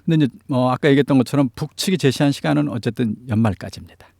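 A man with a medium-pitched, creaky, slightly mellow voice speaks at a racing pace in a studio-quality recording with no echo. As a news commentator on North Korea affairs, he offers explanatory political analysis in an interview, stressing key phrases.

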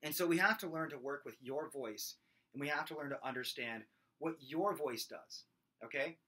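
At a moderate pace, a man in his thirties leads a relaxed singing lesson into a webcam at his desk at home, hands in motion. His voice is small, nasal and somewhat whiny, pushed and bright with a breathy edge, and he demonstrates belted high screams.

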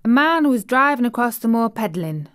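A chatty Yorkshire servant girl full of warm excitement, put on by a woman reading aloud. She rattles on in broad dialect, lively and friendly, her voice lifted higher than a plain reading voice. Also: moderate pace, smooth. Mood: excited.

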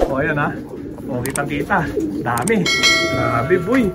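A man vlogging casually as he walks through a pigeon loft, excited and joking, with frequent exclamations. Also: a little high, a little slow, noisy background. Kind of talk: casual walkthrough vlog. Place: outdoor pigeon loft with birds around.

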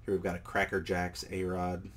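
A man who has a cold runs a card collecting channel, sitting at an indoor table to show off cards as he talks in a relaxed, rambling way full of fillers and self-corrections. His voice sits low, and he speaks at a normal speed in this casual show-and-tell vlog.

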